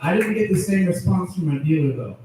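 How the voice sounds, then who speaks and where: A man's voice: high voice, expressive, a little fast, heavy background noise. A man doing a crude, profanity-heavy stand-up set on a club stage, chuckling at his own jokes. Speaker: stand-up comedian. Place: comedy club stage with audience. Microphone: handheld stage mic. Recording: echoey room, mic picked up from a distance.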